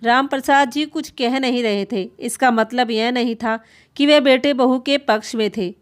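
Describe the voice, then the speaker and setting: Brief: female storyteller, earnest, even, slightly high voice. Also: normal speed. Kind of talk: scripted narration.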